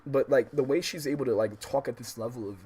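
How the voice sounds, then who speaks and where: This American let's-play host talks fast in a mellow, husky, medium-pitched voice. While livestreaming casually, he trips over the story text he reads aloud and reacts with profane, slangy remarks.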